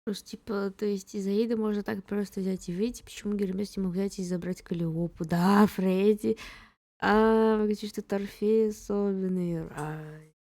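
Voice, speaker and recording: A woman's voice: medium pitch, fairly even intonation, moderate pace, mellow. A woman casually commenting on a game live for her chat, in the gushing, giggly manner of a fan. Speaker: game streamer.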